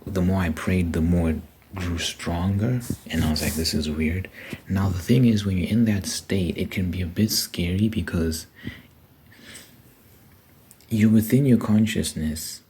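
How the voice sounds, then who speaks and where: Low voiced guy just chatting solo, thinking out loud in short bits, some noise behind him. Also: measured pace. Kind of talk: casual personal monologue. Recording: noticeable background noise.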